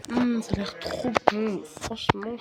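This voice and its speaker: A woman's voice: mid-range voice, brisk. A woman vlogger narrating a family role-play and speaking as the mother in a casual, chatty way.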